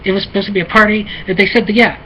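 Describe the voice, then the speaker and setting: An American woman talking alone in a halting, repetitive, rambling way, with many fillers and restarts. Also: mid-range voice, fairly even intonation, bright, forceful tone. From United States. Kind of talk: rambling solo monologue. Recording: muffled lo-fi with faint noise.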